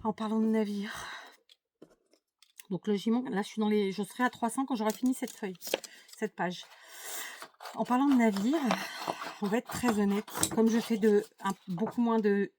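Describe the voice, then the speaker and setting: A middle-aged woman from France talks straight to her viewers in a loose, rambling way, with lots of fillers and blunt asides. Her voice sits at an ordinary middle pitch. A steady hiss of noise runs under the home recording. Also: moderate pace, pauses often. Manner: chatty, opinionated, frequent fillers and asides. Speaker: YouTube vlogger. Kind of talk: casual chat to camera while doing a craft task.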